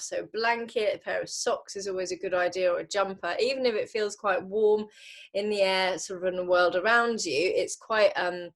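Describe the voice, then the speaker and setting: Gentle and unhurried, a female yoga teacher talks listeners through a guided relaxation in a mid-range voice, letting pauses fall between each phrase.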